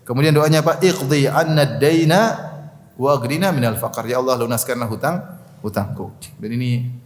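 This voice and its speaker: A man's voice: medium pitch, normal speed. A man giving a religious study lecture, reciting Arabic prayers line by line, translating them and joking with his listeners. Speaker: Islamic preacher. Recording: echoey hall with long reverb.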